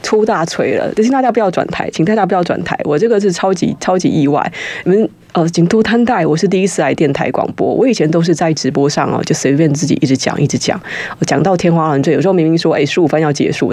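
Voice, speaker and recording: A young man, guest-hosting a casual radio chat in a studio, talking fast and rambling with nervous restarts. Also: fairly high pitch, a little mellow, slightly rough, dry recording. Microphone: studio mic with headphones.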